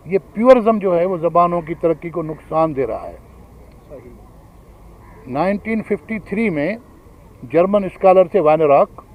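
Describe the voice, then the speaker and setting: A middle-aged man giving an earnest, argumentative public lecture in a steady lecturing manner. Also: high-pitched, phone-quality sound. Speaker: guest speaker.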